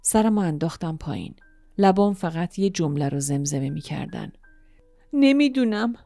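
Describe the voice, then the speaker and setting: Woman softly narrating a story. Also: low-pitched, vocal fry, no room sound. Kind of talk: first-person story narration. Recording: dry studio voice-over with soft music.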